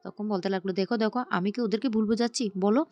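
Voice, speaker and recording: A woman retelling the scenes of a TV serial in a quick storytelling recap, reading out every character's lines herself. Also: medium pitch, fairly even intonation, darkish tone, dry recording.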